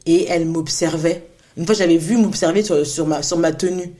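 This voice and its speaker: A woman's voice: fairly low pitch, steady tone, moderate pace, warm tone. Earnest woman in her thirties. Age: 30s. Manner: earnest, encouraging, laughs often, many restarts. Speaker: podcast co-host. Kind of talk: casual faith chat.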